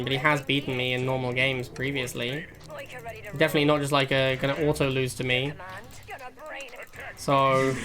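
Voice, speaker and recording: Guy streaming a game, slightly high voice, chatty n musing, goes back over his points. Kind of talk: casual live gameplay commentary.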